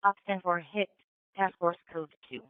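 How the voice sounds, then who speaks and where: A fire dispatcher relaying requests over a two-way radio in a brisk, procedural way. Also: medium pitch, steady tone, smooth, no room sound. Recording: narrow-band, tinny two-way radio.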